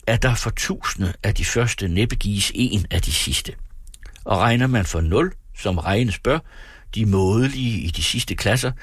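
A man giving a dramatic reading of an old essay, with a theatrical delivery that swings between high and low. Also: breathy edge, dry recording, studio quality. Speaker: reader.

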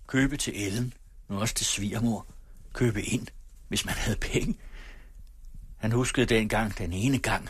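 A man narrating a story in a calm, measured way. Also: fairly low pitch, breathy edge, no room sound.

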